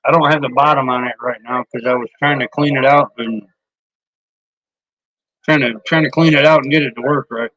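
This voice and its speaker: A CB radio hobbyist streamer rambles casually through a show-and-tell of his microphones, cursing freely and restarting sentences often. His medium-pitched voice stays fairly even and quick, broken by long pauses, with a sharp tone on poor audio.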